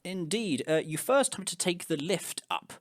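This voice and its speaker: A man's voice: sits high, expressive, normal speed. A man narrating as game master of an improvised tabletop role-playing game, often restarting his sentences. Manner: hesitant, with repeated restarts.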